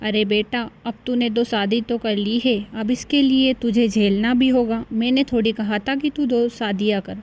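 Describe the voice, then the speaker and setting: A woman's voice: fairly high pitch, fairly even intonation, normal speed, few pauses, darkish tone, lightly acted. A woman voicing a blunt mother who scolds her son, in a cartoon story. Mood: scolding.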